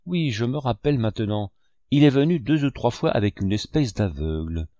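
A man's voice: mid-range voice, expressive, normal speed, warm tone, no room sound, close to an everyday voice. A man reading an audiobook, voicing a scheming one-legged innkeeper who blusters with theatrical indignation. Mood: confiding.

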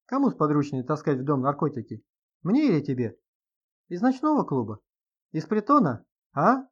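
A middle-aged businessman speaks calmly and patronizingly, his threats delivered in a quiet, menacing drawl, as a male audiobook narrator voices him. The audio sounds dull and lo-fi. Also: on the high side, normal speed, husky.

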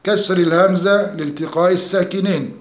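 A man teaching Quran recitation rules, chanting verses slowly and drawn out, then explaining them quickly. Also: high-pitched, steady tone. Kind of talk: tajweed lesson with recitation. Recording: roomy, dull lo-fi sound.

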